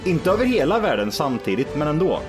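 Male podcast co-host, animated delivery over clear background music. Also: on the high side. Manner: reads a top ten list aloud, laughing often. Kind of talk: casual podcast chat.

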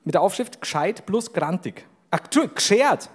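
A man with a Bavarian accent co-hosting a live comedy podcast on stage, excitable and laughing often. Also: high voice, a little fast, slightly rough.

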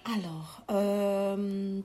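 A woman's voice: mid-range voice, very slow. A woman with an Italian accent, a guest telling her story in a casual interview, acting out the voices she quotes. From Italy. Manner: animated, acts out quoted voices.

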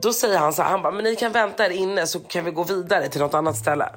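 A woman on a podcast, telling a story in a casual, animated way and acting out what people said, with lots of filler words. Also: lowish voice, over music.

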